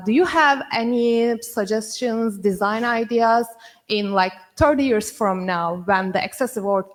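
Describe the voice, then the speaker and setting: Woman asking a question. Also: medium pitch. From Turkey. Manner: halting, searching for words. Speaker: audience member asking a question. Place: conference hall.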